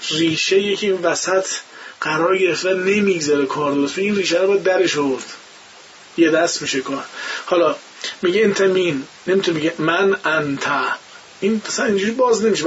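A man's voice: high-pitched, muffled recording, a little hiss or hum. A man who teaches Quran recitation, explaining pronunciation in an interview and acting out the sounds himself. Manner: demonstrates pronunciations by imitating sounds.

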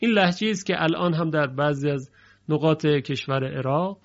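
A man teaching Quran recitation, explaining rules step by step and slowly chanting example phrases. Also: fairly high pitch, fairly even intonation, dull audio. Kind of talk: lecture on recitation variants.

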